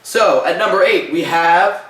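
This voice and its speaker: A teenage boy hosting a school history countdown, casual and brisk. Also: sits high, bright, forceful tone, a little hiss or hum. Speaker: host. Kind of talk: school video countdown presentation. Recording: echoey room, mic far off.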